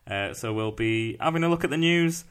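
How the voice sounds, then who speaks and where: A man's voice: medium pitch, lively intonation, normal speed, clean tone. A man hosting a casual podcast, joking and laughing with his co-host. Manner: jokey, laughs a lot. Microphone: headset.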